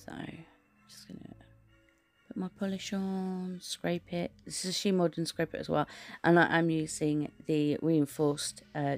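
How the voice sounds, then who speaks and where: A woman giving a chatty, rambling voice-over for a nail art tutorial, full of fillers and restarts. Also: deep voice.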